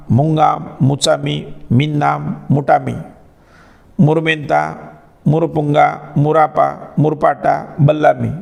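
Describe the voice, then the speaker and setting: A man slowly reciting a long list of names in a steady, monotone way. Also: on the high side, creaky.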